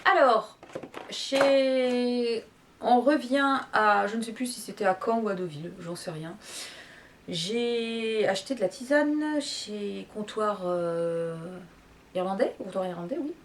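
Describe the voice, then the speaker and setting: A woman's voice: fairly high pitch, takes it slowly, slight background noise. A woman with a French accent chatting casually about teas she bought, hesitating and restarting often. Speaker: tea vlogger. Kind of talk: casual product review chat.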